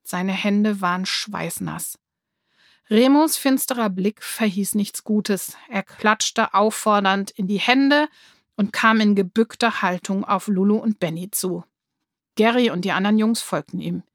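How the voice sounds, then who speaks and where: A woman narrating a children's audiobook in a lively storytelling manner. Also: medium pitch, a little slow, dry recording, clean studio sound.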